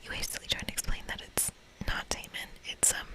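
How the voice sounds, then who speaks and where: A woman streamer does an ASMR playthrough of a video game, whispering as she reads the dialogue aloud and comments on it. Her breathy whisper is brisk, playful, and casual.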